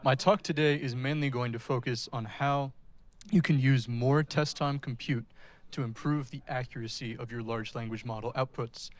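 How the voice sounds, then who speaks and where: A man with a mid-range voice and fairly even intonation delivers a technical talk at a moderate pace. It's a conference-style presentation, and he addresses the audience directly.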